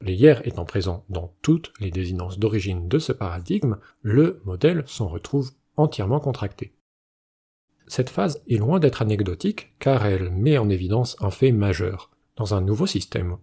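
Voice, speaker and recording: A man, the channel's host, reading a scripted educational narration in a measured, explanatory way. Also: on the low side, dark tone, husky.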